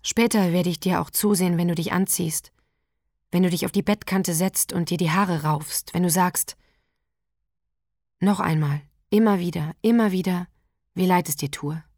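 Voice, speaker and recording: A woman narrating a literary text in a quiet, measured, intimate way. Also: lowish voice, gravelly, no echo, studio quality. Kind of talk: literary reading.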